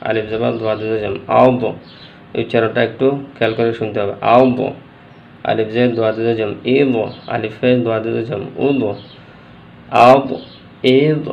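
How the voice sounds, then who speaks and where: A man teaching Quran reading, slowly spelling out and repeating syllables in a patient step-by-step lesson. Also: fairly low pitch, flat delivery, creaky. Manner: patient, repetitive drilling of syllables. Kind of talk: slow step-by-step recitation lesson. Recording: dull lo-fi recording with faint noise.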